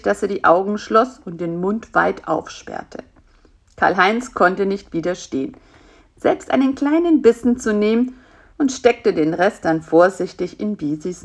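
Slow, lively woman telling a children's story. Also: mid-range voice. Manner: slow and expressive. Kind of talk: scripted narration of a children's story.

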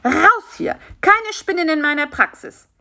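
A woman's voice: high-pitched, big pitch swings, moderate pace, a bit bright, pitched above the performer's own voice, heavily acted. A woman voicing a plump, grumpy male beetle doctor who talks in a curt, dismissive way. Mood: angry.

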